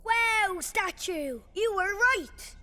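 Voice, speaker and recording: A woman's voice: very high-pitched, lively intonation, drawn-out words, sharp tone, heavily acted. A woman voicing Henry, a cheerful, curious little boy in a cartoon, talking eagerly. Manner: eager, bubbly, exclaims often. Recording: music playing behind.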